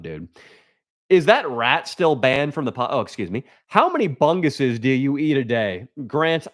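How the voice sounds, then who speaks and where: A young man hosting a livestream in a loose, rambling way, talking straight to the chat. His voice sits at an ordinary middle pitch for a man, and his humor is crude and deadpan. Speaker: livestream host.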